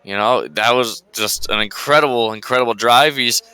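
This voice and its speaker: A man's voice: mid-range voice, moderate pace, bright, forceful tone, clear, resonant tone. A man giving live sim-racing commentary as a motorsport commentator, repeating words for emphasis.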